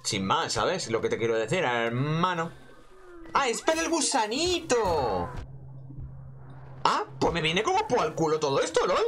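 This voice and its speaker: Animated, sweary Spanish man gaming. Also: a little high. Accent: Spain. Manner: sweary, slangy, rambling. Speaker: gaming host. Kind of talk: casual gameplay commentary.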